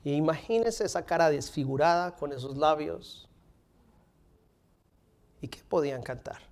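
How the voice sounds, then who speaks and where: A man in his thirties preaching a sermon on a stage, swinging between forceful emphasis and hushed, near-whispered lines. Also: a little high, animated, a little slow. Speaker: pastor. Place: stage in front of a curtain, indoors.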